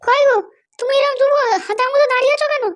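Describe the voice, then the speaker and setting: A woman voices a cartoon mother who dotes on her grown son yet bosses him around, sounding fretful, insistent and nagging. Her very high voice rattles along rapid-fire with fairly even intonation.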